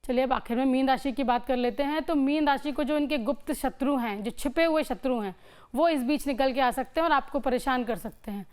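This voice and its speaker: A woman's voice: sits high, brisk, a little mellow, clean tone. A woman astrologer answering interview questions, giving direct step-by-step remedies and advice. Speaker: astrologer guest.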